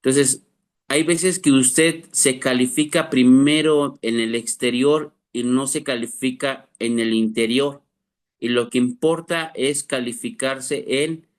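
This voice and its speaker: A man, preaching a sermon to his class, earnest, asking rhetorical questions to his listeners. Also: medium pitch. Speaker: pastor teaching a class.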